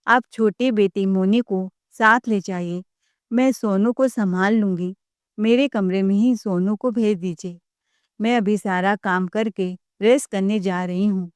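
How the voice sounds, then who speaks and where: A woman voicing a put-upon newly married young wife who speaks with quiet restraint. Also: medium pitch, steady tone, measured pace, dry recording, natural voice. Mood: polite.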